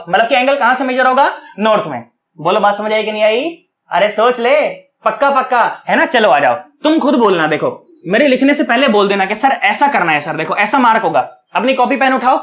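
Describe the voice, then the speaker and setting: A man teaching physics at a board, asking questions and answering them himself in a chatty, coaxing way, repeating key words slowly. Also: extremely high pitch, fairly bright tone. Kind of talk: online lecture, explaining at a board.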